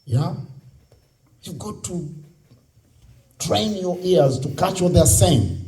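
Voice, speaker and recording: Male motivational speaker, Ugandan accent, fairly high mellow voice, exhorting an audience through repetition and rhetorical questions. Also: lively intonation, takes it slowly. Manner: exhorting, repeats key phrases, asks rhetorical questions. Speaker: speaker at a youth convention. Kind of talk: motivational public speech. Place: live on stage at a convention.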